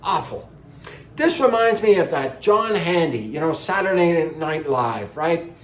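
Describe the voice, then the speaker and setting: Sarcastic man, lively pitch. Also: a little slow. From Canada. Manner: sarcastic, scornful, emphatic. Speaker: political commentator. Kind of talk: opinionated monologue. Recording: echoey room.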